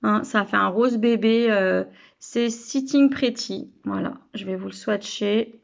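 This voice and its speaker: A woman's voice: medium pitch, steady tone, a little slow, gravelly. A woman presenting makeup products in a casual, enthusiastic chat to camera, with many fillers and restarts. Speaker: makeup reseller presenting a beauty kit. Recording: dull lo-fi sound with faint noise.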